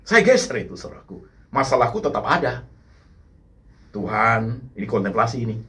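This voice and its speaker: Middle-aged guy preaching in church, pitch swinging all over, keeps calling the crowd brothers and sisters and then punches words out hard. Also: very animated, moderate pace, bright, forceful tone. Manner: addresses the congregation as "saudaraku" over and over, rising to emphatic bursts; mixes English phrases into the sermon. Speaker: pastor. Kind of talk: sermon.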